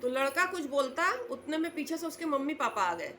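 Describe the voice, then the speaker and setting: A woman telling a family story in casual spoken style, acting out the quoted lines in a lowered voice. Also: lively intonation, a little fast, bright, forceful tone, a little hiss or hum.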